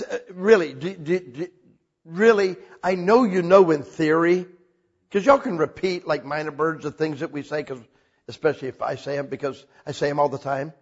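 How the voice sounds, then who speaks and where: Casual, joking male preacher with a lively, husky voice; lo-fi sermon recording. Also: a little high. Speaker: pastor.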